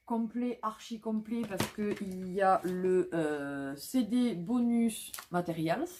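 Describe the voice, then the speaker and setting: A woman's voice: mid-range voice, slow pace, noisy background. A woman vlogging casually about flea market finds, talking with many fillers and restarts.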